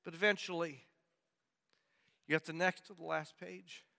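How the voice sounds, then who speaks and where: A pastor preaching a sermon, telling a story playfully and building mock suspense. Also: male voice, fairly high pitch, steady tone, moderate pace, gravelly, sharp tone. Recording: long hall reverb.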